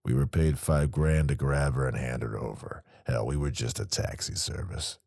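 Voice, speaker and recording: A man's voice: a bass voice, normal speed, gravelly, darkish tone, no echo, clean studio sound, voice pushed down, exaggerated voice. A man voicing a crude, menacing male small-time criminal in an audiobook, swearing and sneering. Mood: defensive. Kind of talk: audiobook character voice.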